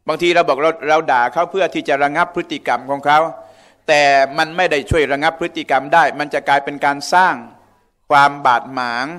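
A man's voice: fairly high pitch, a bit bright. A man giving a conversational religious lecture in a mosque, often asking the audience questions. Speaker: religious teacher.

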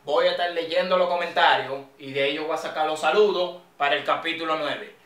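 A young man with a Dominican accent chats to his viewers in rowdy, joking slang. His voice is bright and a little high. The echoey room and distant mic make it sound roomy. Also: steady tone, fairly quick. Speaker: vlogger. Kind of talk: casual street-slang vlog.

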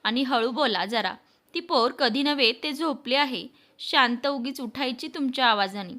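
A woman's voice: high voice, normal speed, sharp tone. A woman voicing a kind older mother-in-law who scolds and dotes at once. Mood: doting. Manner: scolding yet doting.

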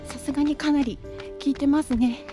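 A young woman narrates her own morning run into a camera strapped to her body, chatting easily and laughing often. Her voice is notably high. Music plays clearly beneath her words. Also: steady tone, normal speed. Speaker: vlogger. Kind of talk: casual running vlog narration. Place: outdoors on a country road while running.

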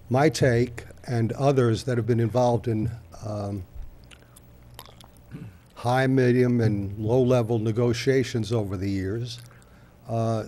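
An older man speaks at a council chamber podium microphone in a dark, mellow voice. He talks conversationally, stopping often on filler sounds as he works through his points. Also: medium pitch. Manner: halting, many filler pauses, conversational. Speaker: public commenter at city council. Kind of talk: public comment speech.

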